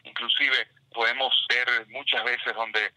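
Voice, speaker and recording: A man talks as a baseball analyst in an interview segment, earnest and emphatic. His voice is strikingly bright, and the recording is dry and close. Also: mid-range voice, flat delivery, slow, no room sound, low-quality recording. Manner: earnest, emphatic about pronunciation.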